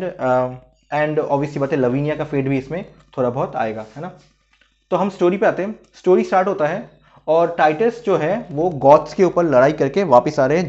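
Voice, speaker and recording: A man's voice: a little high, a little mellow. Chatty male teacher, lo-fi sound. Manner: chatty, frequent "hai na" and "theek hai" check-ins; hesitant restarts while recalling names. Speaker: literature teacher. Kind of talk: casual explanatory lesson. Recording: dull lo-fi recording.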